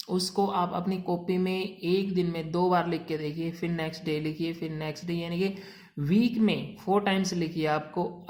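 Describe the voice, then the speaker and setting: Low-voiced woman teaching in an echoey room. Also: darkish tone. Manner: reads English rules slowly, explains in mixed Hindi and English. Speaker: shorthand teacher. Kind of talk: classroom lesson explaining shorthand rules.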